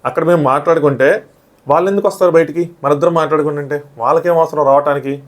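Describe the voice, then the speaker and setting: A man's voice: fairly high pitch, steady tone. A man reviewing a reality show episode in casual, argumentative talk, often acting out what others said. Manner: rapid, argumentative, often acts out quoted lines.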